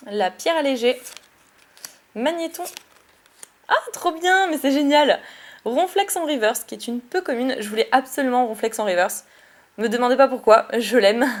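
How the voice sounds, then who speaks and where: Woman, somewhat high voice, excitable and giggly, casual card-unboxing vlog chatter. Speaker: YouTuber opening trading card packs.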